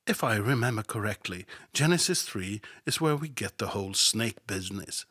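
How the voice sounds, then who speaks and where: This man hosts a satirical podcast of Bible commentary, sounding sardonic and mocking and sometimes sinking to a whisper for asides. His voice sits lowish with a sharp tone. It's studio quality, with no room sound.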